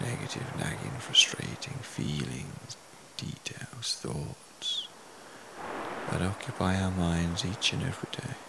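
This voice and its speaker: A man speaking as a hypnotherapist, leading a guided relaxation in a soothing, deliberate way with hushed phrase endings. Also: low voice, vocal fry, background noise.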